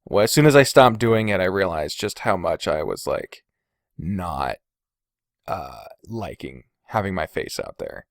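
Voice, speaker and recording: Low and sing-song with vocal fry, the man's voice keeps a measured pace as he hosts a solo podcast from his bedroom. He is also a video creator, and his casual chat is self-deprecating, sweary and full of digressions. The Blue Snowball omnidirectional USB mic yields clean studio sound with no room noise.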